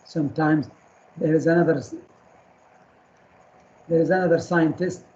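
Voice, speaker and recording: A male chemistry lecturer talks at an unhurried, deliberate pace, stopping often to quiz the room with quick questions. He repeats names and terms over and over, and the recording sounds muffled and lo-fi. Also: fairly high pitch, fairly even intonation, a little mellow, a little hiss or hum. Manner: quizzes students with short questions and repeats key terms. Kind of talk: classroom lecture.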